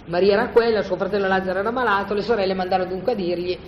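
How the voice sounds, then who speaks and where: A Bible study teacher races through an informal scripture lecture to a group gathered in a room. His voice sits mid-pitch, colloquial and animated, with frequent restarts and repeated "no?" check-ins. The recording is roomy, dull and lo-fi, with faint ambience and a little hiss or hum.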